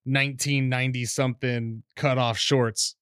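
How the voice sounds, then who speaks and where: A man's voice: medium pitch, moderate pace, clear, resonant tone, no echo, studio quality. A man hosting a podcast, telling childhood family stories in a casual chat and acting out the voices of the people he quotes. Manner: animated storyteller, acts out quoted voices. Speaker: podcast host.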